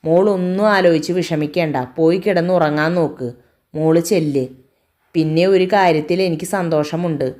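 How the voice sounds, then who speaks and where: A woman voicing a loving middle-aged father who speaks in a soft, reassuring way. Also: sits low, fairly even intonation, moderate pace, natural voice. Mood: tender.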